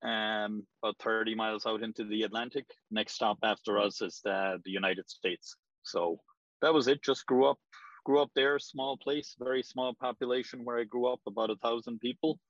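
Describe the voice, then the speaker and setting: Heard on a dull lo-fi recording with no room sound, a real estate agent from Ireland in his forties answers interview questions as a guest. His voice is fairly low and steady and his pace moderate, and he rambles hesitantly, umming often.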